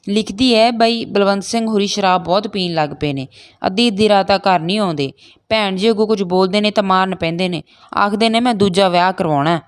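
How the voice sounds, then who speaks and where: A woman's voice: mid-range voice, brisk, clean tone, pitched above the performer's own voice, close to an everyday voice. A woman reading as an earnest young son. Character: young village man, earnest dutiful son.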